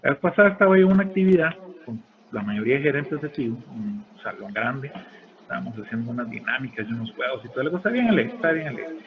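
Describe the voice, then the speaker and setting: A man, a lecturer in an online class, telling anecdotes and acting out quotes with lively shifts of voice. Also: mid-range voice, quick pace, crowd noise. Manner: lively storyteller, acts out shouted quotes. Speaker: university lecturer. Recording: muffled call audio with background noise.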